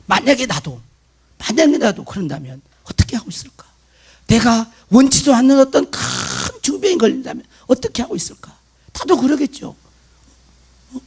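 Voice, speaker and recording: A man preaching a sermon as pastor, telling a story in an animated way and voicing the words of the people in it. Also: extremely high pitch, slightly rough. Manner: animated storytelling with emphatic retold quotes.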